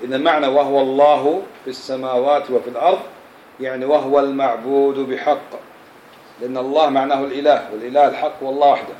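A man gives a classroom lesson on scripture in an echoey room. His voice sits in the middle register, and faint room noise is heard behind him. He keeps stopping to check understanding with quick questions to the class. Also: medium pitch, steady tone, darkish tone. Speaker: religious teacher.

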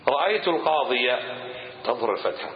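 A man gives a grammar lesson and patiently recites word lists in a steady, measured rhythm. His voice sits at an ordinary middle pitch. It carries a long echo through a lecture room on a dull, lo-fi recording with a faint hiss underneath. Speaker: grammar teacher. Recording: echoey hall, dull lo-fi sound.

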